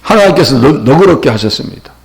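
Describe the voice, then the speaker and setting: Lively Korean pastor with Chungcheong accent. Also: male voice, on the high side, quick pace. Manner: conversational preaching with rhetorical questions. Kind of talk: sermon.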